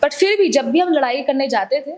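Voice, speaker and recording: Casting: high-pitched woman, actress guest, chatty, laughs a lot, acts out quoted lines. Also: lively intonation, brisk, a little mellow. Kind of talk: casual interview chat.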